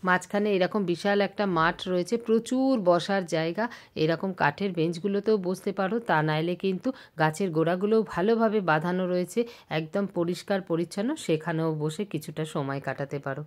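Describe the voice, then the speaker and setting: Woman vlogger, casual and chatty, lower pitch, filmed outdoors on a handheld camera. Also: fairly quick. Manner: chatty, excitable pointing-out. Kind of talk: casual walking vlog narration. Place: outdoors at a zoo.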